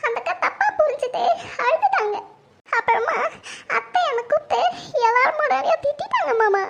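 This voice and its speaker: A woman's voice: extremely high pitch, lively intonation, brisk, noisy background. A woman playing a young wife who pleads tearfully with her husband about her mother-in-law. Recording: dull lo-fi recording.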